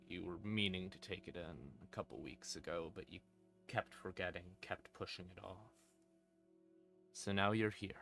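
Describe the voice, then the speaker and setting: A deep, creaky, fairly bright voice belongs to a streamer who tells second-person horror stories and rambles between them in a casual, self-deprecating way. Creepy ambient music plays in the background.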